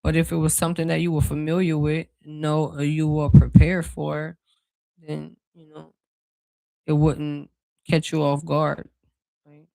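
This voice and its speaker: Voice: mid-range voice, little pitch movement, a little slow, creaky, warm tone, no echo. An intuitive card reader giving a casual spiritual reading, rambling and chatty with many fillers, talking straight to the viewers. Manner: talks straight to viewers as "y'all"; breaks off into side remarks and laughter.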